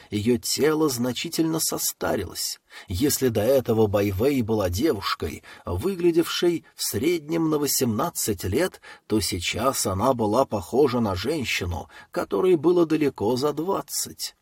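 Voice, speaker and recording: Male narrator, husky voice, lively intonation, dry close recording. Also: medium pitch, dry recording. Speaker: audiobook narrator. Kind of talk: scripted narration.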